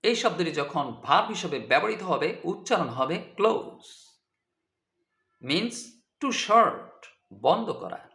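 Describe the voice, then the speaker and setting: A man's voice: high voice, animated, moderate pace, bright, forceful tone, roomy sound. A man teaching English vocabulary, who spells words out letter by letter and translates each example. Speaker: English tutor. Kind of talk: slow deliberate vocabulary lesson.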